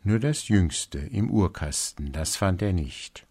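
A man reading a fairy tale aloud in an expressive storytelling manner. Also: low voice, slow, slightly rough. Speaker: narrator.

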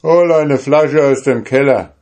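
A man's voice: medium pitch, a little slow, a little mellow, voice pushed up, close to an everyday voice. A man voicing a grim robber leader in a fairy tale, firm and commanding.

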